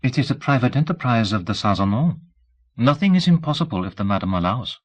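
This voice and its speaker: In an audiobook, a deep-voiced male reader performs a candid young woman character, raising his pitch well above his own. She is blunt, shrewd, poised and softly spoken, going straight to the point with pointed, inquisitive questions. The delivery is expressive and fairly quick, in a natural voice.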